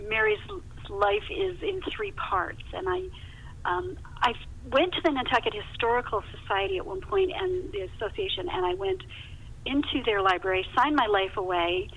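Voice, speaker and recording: Over a hissy, muffled phone line, a woman novelist chats as a podcast guest, telling stories in an interview. She talks emphatically, often repeating words for effect. Her high voice swings widely in pitch at a moderate pace.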